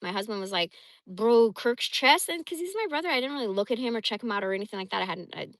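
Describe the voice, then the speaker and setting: A woman's voice: medium pitch, animated, very fast, a bit bright, dry recording. A woman from the Bay Area telling rambling personal stories on a casual livestream, blunt and profane. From San Francisco Bay Area. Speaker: livestream host.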